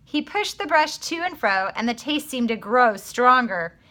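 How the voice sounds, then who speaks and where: A woman reading a children's chapter book aloud, with lots of expression. Her voice is bright and lifts high, and it swoops up and down as she reads. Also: a little slow. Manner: expressive, animated.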